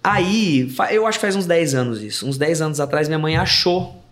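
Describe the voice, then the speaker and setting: A man with a Brazilian Portuguese accent, a worship pastor and podcast guest, telling a story in a casual, animated, slangy way and acting out the people in it. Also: fairly high pitch, brisk. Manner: animated, acts out remembered dialogue in his story; slangy, informal. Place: podcast studio.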